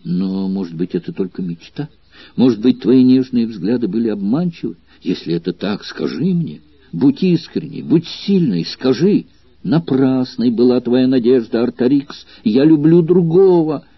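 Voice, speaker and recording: A man's voice: medium pitch, expressive, normal speed, breathy edge, no room sound, muffled recording. A man playing an ardent young gladiator who speaks in passionate, pleading outbursts. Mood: urging.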